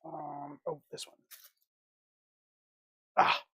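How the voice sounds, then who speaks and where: A man's voice: very slow, bright, forceful tone, no echo, clean studio sound. Man muttering while he works. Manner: rambling, talks to himself as he works. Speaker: livestream host. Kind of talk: casual live chat while swapping figure parts.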